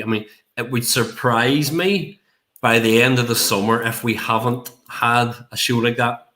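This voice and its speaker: A man's voice: lowish voice, sharp tone. A Northern Irish man speaking as a podcast guest in a casual wrestling discussion. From Northern Ireland. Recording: echoey room.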